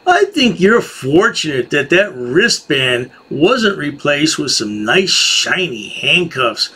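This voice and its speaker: A middle-aged man hosts a scornful commentary voice-over, sneering at what he shows. His voice sits a little high and swings widely up and down as he talks. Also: very animated, slow pace, sharp tone, slightly rough. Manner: sarcastic, scornful. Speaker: commentary host.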